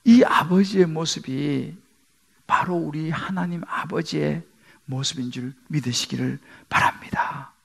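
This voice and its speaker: A male pastor preaching a sermon emphatically, swinging between loud rises and hushed near-whispers. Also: fairly high pitch, unhurried, vocal fry, husky. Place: church sanctuary.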